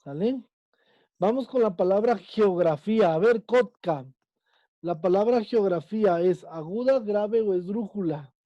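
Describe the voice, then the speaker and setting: A man's voice: high voice, unhurried, dry recording, dull audio. A man with a Mexican accent, teaching a Spanish class and quizzing his students, checking in with them again and again. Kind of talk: online class lesson.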